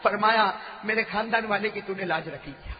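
A man Islamic preacher telling stories in a sermon, swinging from hushed tones to loud shouting. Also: sits high. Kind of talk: sermon with storytelling. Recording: echoey hall, muffled sound.

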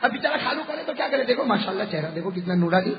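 High-voiced preacher man in echoey hall. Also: sing-song, racing, lo-fi sound, background noise. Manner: swings from murmured asides to shouted exhortation, calls on crowd to answer. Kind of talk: sermon with humorous anecdotes.

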